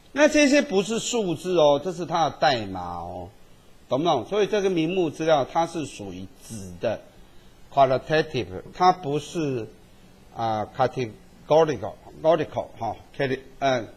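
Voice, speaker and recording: A husky male statistics teacher, lecturing to a classroom. His pitch swings up and down lively as he keeps tagging sentences with quick checks on whether the students follow.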